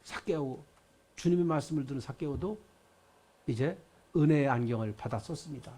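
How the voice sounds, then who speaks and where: A man's voice: a little high, brisk, warm tone. An older man, an emeritus pastor, preaching a sermon in a dramatic, emphatic way.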